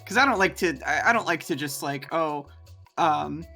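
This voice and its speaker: Bright-voiced, rambling co-streamer. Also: mid-range voice, animated, moderate pace, soft background music. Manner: rambling, many fillers and restarts, laughs easily, casual swearing. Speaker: co-streamer, guest. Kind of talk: casual chat while gaming live.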